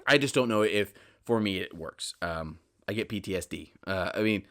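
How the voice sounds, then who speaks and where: A young man in his 20s with a fairly low voice hosts a solo podcast, talking casually at normal speed. He rambles, interrupts himself and repeats words, his animated delivery shifting between emphatic bursts and quieter asides.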